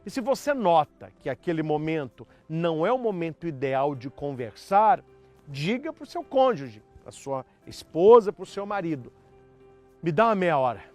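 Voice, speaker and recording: A priest delivers an emphatic, teacherly talk on marriage. His voice is high and very lively in pitch. Faint music plays underneath. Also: normal speed.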